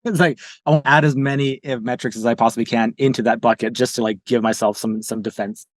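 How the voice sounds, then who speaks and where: A man, a startup CEO, talking casually as a podcast guest, loose and quick with many restarts and "you know" fillers. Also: medium pitch, fairly even intonation, dry recording, clean studio sound.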